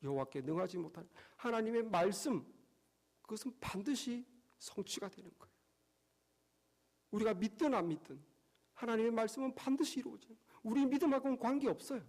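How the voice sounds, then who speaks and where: A pastor preaching a sermon in church, emphatic and repetitive, often asking rhetorical questions. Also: male voice, sits high, lively intonation, fairly quick, creaky, pauses often, a little mellow.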